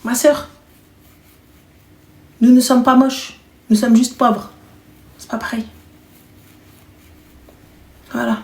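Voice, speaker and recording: A woman in her thirties hosts a live call-in stream, teasing and joking with her callers. Her voice sits a little high, and the room around her rings with echo. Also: little pitch movement, slow pace, long pauses, a little mellow. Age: 30s. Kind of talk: casual live chat.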